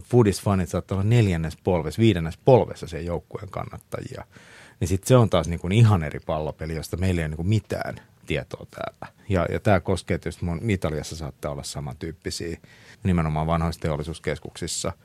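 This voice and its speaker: A man's voice: low voice, a little mellow, dry recording. A middle-aged man, a talk show guest, telling stories in a chatty way with many fillers and frequent laughs. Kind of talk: casual storytelling interview.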